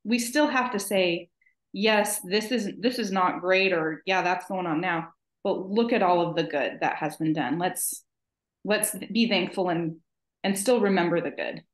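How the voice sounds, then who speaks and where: A woman's voice: on the low side, a little slow, echoey room. A woman in her thirties, a podcast co-host speaking earnestly and emphatically in casual conversation over a video call. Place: home office, video call.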